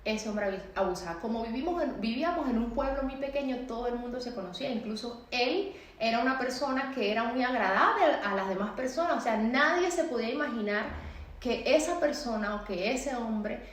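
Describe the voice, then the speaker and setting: A woman giving an emotional personal testimony, repeating phrases and pleading in a low, shaken voice. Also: animated, brisk. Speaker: survivor telling her story. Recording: echoey room.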